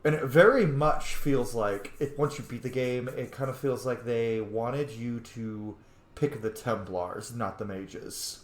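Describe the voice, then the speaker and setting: A channel host and video game streamer talks a little slowly in a medium-pitched voice, offering casual, informal let's play commentary and wry reactions aloud. The audio has an echoey room sound with faint game noise.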